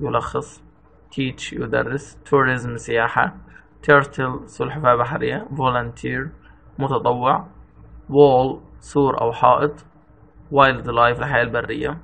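A male English teacher speaks in an Egyptian Arabic accent, working through vocabulary methodically. His voice is gravelly and bright. His pitch barely moves from word to word. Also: a little hiss or hum, rough recording. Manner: reads each English word then gives its Arabic meaning, steady and methodical. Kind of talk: vocabulary lesson reading word lists.

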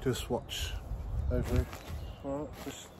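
A man's voice: mid-range voice, flat delivery, slow pace. A man in his thirties vlogging casually from an outdoor allotment garden, rambling and joking at himself with plenty of ums. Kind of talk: casual self-deprecating vlog. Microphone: phone camera held close. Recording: outdoor noise behind the voice.

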